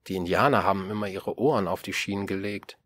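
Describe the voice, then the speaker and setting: A man reading a first-person audiobook narration in a calm, measured way. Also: sits low. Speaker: audiobook reader.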